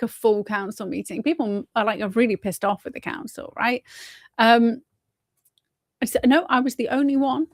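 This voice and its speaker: A woman hosts a live show, telling a long story in a loose, rambling way. She swears freely, restarts her sentences and keeps checking in with "right?". Her voice sits a little high and sounds close and dry, with almost no room around it. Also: no echo. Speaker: host. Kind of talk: casual monologue on a live stream.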